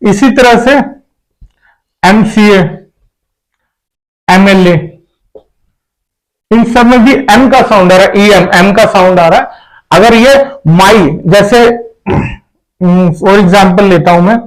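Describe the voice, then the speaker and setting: Guy teaching grammar, high voice, goes over each point again and again. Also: low-quality recording. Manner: repetitive, explains each point step by step. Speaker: English teacher. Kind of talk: classroom-style grammar lesson.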